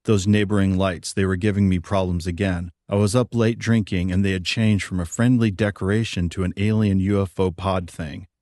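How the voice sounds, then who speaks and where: Deep-voiced man narrating his memoir. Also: steady tone, normal speed, few pauses, darkish tone, dry recording, clean studio sound. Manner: plain, reflective storytelling.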